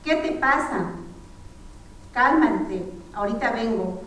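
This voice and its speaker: A woman's voice: fairly high pitch, lively intonation, slow pace, fairly bright tone. A woman voicing a poor, frightened older mother who pleads and sighs, recorded in an echoey room far from the mic. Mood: pleading, sorrowful. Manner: pleading, imploring, sighing "ay".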